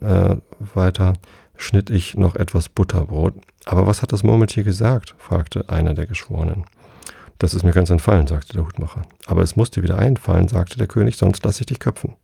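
Man, storybook reader, very low voice, gravelly, husky, dark tone, dry close sound. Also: no echo. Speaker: audiobook reader. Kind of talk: storybook reading aloud.

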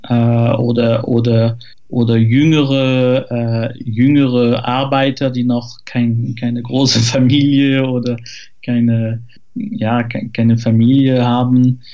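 A man with a French accent speaks as a podcast guest, hesitating often and restarting his sentences. His voice is dark and mellow. The audio is slightly dull and lo-fi. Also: medium pitch, little pitch movement, slow pace. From France. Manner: hesitant, many fillers and restarts. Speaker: guest, software developer. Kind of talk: casual podcast interview.

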